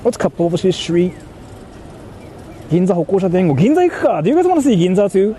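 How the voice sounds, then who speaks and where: Livestreaming outdoors in a busy city, a man talks fast in a high, warm, sing-song voice, throwing around slang and swear words in casual chat. The recording is noisy with cars and street traffic.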